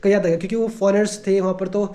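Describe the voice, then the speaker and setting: Mellow-voiced man rambling in a vlog. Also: high voice, steady tone, rapid-fire. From India. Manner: rambling, with a habitual filler phrase. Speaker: vlogger. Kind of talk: casual vlog chat.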